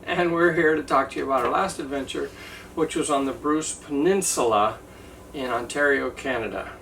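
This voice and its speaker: Gravelly, bright-toned joking man. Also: medium pitch, moderate pace. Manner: jokey, rambling storyteller with many fillers. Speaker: travel vlogger. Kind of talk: casual chat. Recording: distant mic with faint ambient noise.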